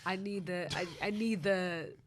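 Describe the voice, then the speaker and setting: A woman's voice: on the low side, measured pace. A woman co-hosting a podcast, chatting casually and laughing often with a stuffy nose from a cold. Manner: animated, laughs often, loose slangy speech. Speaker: podcast co-host.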